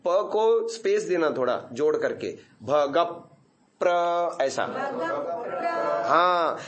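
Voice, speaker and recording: Slow-chanting man leading a loud group. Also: fairly high pitch, sing-song, crowd noise. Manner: chants mantra lines slowly, then corrects pronunciation in quick asides. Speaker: yoga and Vedic chanting teacher. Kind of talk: teaching Sanskrit mantra pronunciation. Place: yoga camp session with a group.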